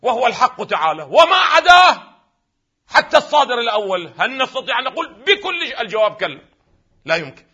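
A man with an Iraqi Arabic accent giving a classroom lecture on religious texts. He asks the class questions, answers them himself, and draws words out slowly to spell out their vowels. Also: very high-pitched, very animated, bright, forceful tone, slightly rough. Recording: slightly dull lo-fi recording.

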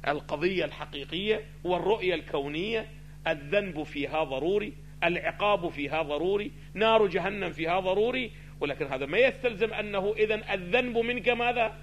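Guy with a high voice giving a religion lesson, keeps throwing questions at the class, loud then quiet, faint hum behind. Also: brisk. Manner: poses questions to listeners and answers them himself; swings between loud stressed phrases and quiet low asides. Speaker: religious teacher. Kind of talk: theology lecture mixing classical and colloquial Arabic.

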